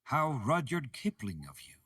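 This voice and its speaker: Casting: cartoon old professor, erudite, courteous, devoted, lively wide-ranging intonation. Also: male voice, mid-range voice, slightly rough. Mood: dry, thoughtful. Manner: old-professor speech, refined and measured. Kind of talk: animated series voice acting.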